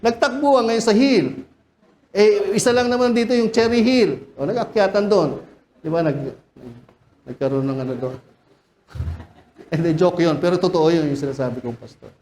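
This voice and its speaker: A man preaching a sermon as pastor, animated, joking and shouting out rebukes. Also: high-pitched, normal speed, long pauses, a little hiss or hum. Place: church sanctuary.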